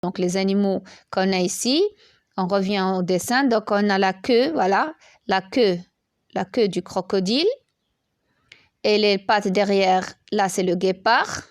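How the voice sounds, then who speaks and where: A woman's voice: medium pitch, a little slow, no echo, clean studio sound. A woman teaching an online lesson, hesitant, repeating words and checking in with the class often.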